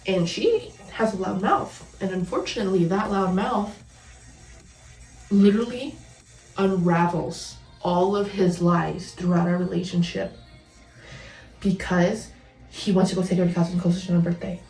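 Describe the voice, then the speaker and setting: A woman's voice: fairly low pitch, normal speed, a little mellow. A young woman vlogger telling a storytime rant about her ex, blunt and sarcastic, swearing freely with bitter laughs. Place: at home, dyeing her hair. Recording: roomy, distant from mic, faint music behind.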